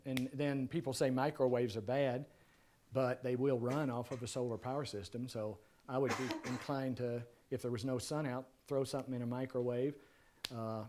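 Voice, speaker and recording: A man at mid pitch leads a seminar in an easygoing, rambling way and tosses in dry jokes. His voice is wearing thin and slightly hoarse from long talking. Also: a little hiss or hum. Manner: relaxed, joking, rambling. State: losing his voice. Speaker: seminar presenter. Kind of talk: casual seminar talk answering questions. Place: seminar room.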